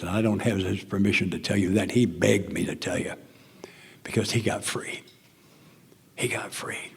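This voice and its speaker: There's a low, creaky, slightly rough quality to this older man's voice, and it echoes like a big room. With a Southern American accent, he shares his personal story at a recovery meeting in plain, earnest terms, now and then falling to a near whisper.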